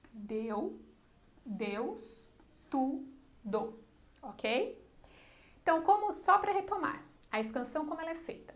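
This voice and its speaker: A woman with a somewhat high voice teaches an online literature lesson. She explains each step patiently and keeps checking in with short questions to make sure her students are following.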